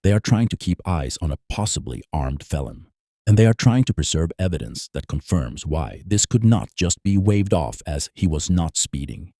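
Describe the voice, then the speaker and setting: In a measured, emphatic voice-over, a man with a very deep, dark voice explains police procedure as scripted analytical narration. His delivery is expressive, hitting key points plainly and firmly, with close, fully dry sound.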